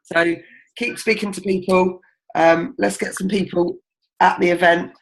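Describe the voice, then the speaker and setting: A woman's voice: on the low side, fairly even intonation, measured pace, low-quality recording. A woman runs an indoor team meeting, chatty and upbeat. She fills gaps with ums and keeps the group going. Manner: chatty and encouraging, with many ums. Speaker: team leader. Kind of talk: casual team meeting talk.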